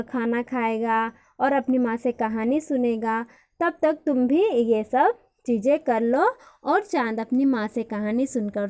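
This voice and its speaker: Woman teacher, high voice, unhurried storybook reading, retells each line and quizzes the class. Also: a little mellow. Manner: reads a line, then retells it in simple words with questions. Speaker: school teacher. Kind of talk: reading and explaining a Hindi story lesson.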